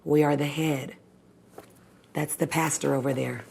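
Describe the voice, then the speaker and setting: Low-voiced, gravelly American woman, stern. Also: fairly even intonation, measured pace, darkish tone, slight background noise. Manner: stern, authoritative. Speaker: host parent on a reality show. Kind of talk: reality TV talk.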